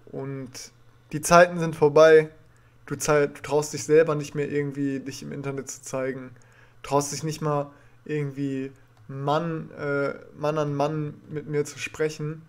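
A man's voice: a little high, little pitch movement, unhurried. A young man doing confrontational reaction commentary, indignant and swearing as he addresses a rival. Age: young adult. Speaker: reaction video host. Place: small room at home.

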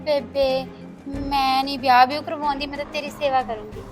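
A young actress playing a gentle, dutiful stepdaughter, speaking softly and pleadingly with a Punjabi accent. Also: female voice, high-pitched, little pitch movement, fairly quick, soft background music, natural voice. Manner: soft, pleading, obliging.

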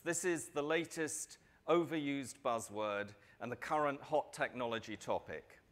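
A middle-aged man giving a prepared keynote speech on a large conference stage, speaking at a lectern mic in a measured, steady way with the odd filler. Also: medium pitch.

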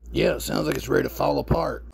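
Husky man making sarcastic quips. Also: fairly high pitch, fast. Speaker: show host. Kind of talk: dry commentary over a clip.

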